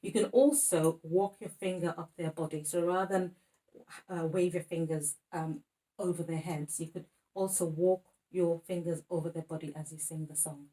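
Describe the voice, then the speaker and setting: Gentle woman teaching baby rhymes. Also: on the low side, steady tone, normal speed, far from the mic. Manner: gentle, chatty, with frequent ums and sung rhymes. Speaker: music teacher. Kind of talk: demonstrating baby lap songs and rhymes.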